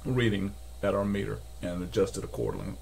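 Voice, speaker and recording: An older repair technician at his workbench in a cluttered electronics workshop narrates a calibration tutorial methodically, step by step. His voice is lowish and darkish with vocal fry, fairly quick and fairly even in intonation, and the room recording is noisy.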